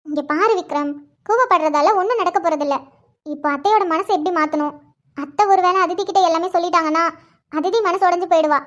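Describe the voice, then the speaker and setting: A very high, soothing sister-in-law. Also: female voice, fairly quick, a bit bright. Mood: calming. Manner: soothing, reassuring. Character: young woman, calm caring sister-in-law. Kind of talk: cartoon voice acting.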